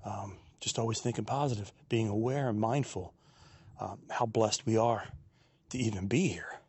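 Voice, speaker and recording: A man with a low, raspy voice thinks aloud in a soft, musing monologue as he walks a quiet trail. He speaks into a handheld digital recorder held close, and the sound stays dry with no room around it. The tone is unhurried and reflective. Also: no room sound. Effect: captured on a handheld digital recorder. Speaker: podcast host. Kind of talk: reflective solo monologue on a walk. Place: outdoors on a quiet wooded trail in a state park. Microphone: handheld digital recorder without windscreen.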